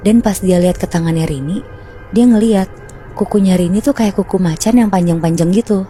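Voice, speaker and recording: A woman's voice: lowish voice, a little fast, dark tone, soft background music. A woman casually telling a horror story to friends on a podcast, chatty and slangy, calling her listeners by nicknames.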